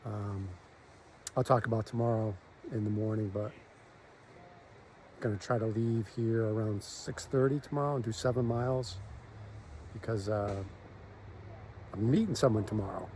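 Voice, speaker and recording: A man's voice: on the low side, fairly even intonation, normal speed, long pauses, a little mellow. Man vlogging outdoors, faint background noise. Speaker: hiker vlogger. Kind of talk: casual trail vlog. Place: outdoors on a hiking trail or campsite.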